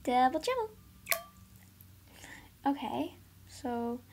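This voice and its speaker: A woman's voice: high-pitched, big pitch swings, extremely slow, darkish tone, a little hiss or hum. A woman chatting playfully and casually while reviewing toys at home in a carpeted room, recorded on a camera set on the floor. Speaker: toy reviewer. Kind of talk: casual toy unboxing chat.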